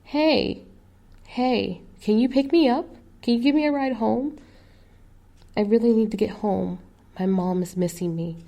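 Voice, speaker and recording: A woman voicing a young girl stranded on a road at night, calling out loudly in a high voice for a ride. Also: drawn-out words, vocal fry, heavily acted. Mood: pleading. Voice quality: high, loud and urgent.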